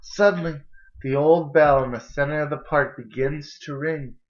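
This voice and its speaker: Reading a children's picture book in a storytelling manner, this young adult man has a fairly high voice with fairly even intonation and a moderate pace. The dull, lo-fi sound comes from a camera mic in an indoor kitchen and living room.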